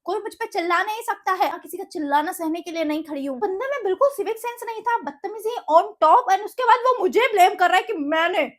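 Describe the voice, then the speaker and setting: A young woman tells a storytime vlog in a very high, bright-sounding voice. She retells an argument with emphatic indignation and mixes English words into her talk. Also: lively intonation, a little fast, hardly any pauses. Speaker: vlogger.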